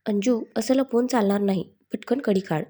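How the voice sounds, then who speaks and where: Storybook young woman, cheeky and pushy, warm voice, as a woman narrator does her. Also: medium pitch, moderate pace, slightly rough, close to an everyday voice. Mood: insistent. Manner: cheeky, insistent.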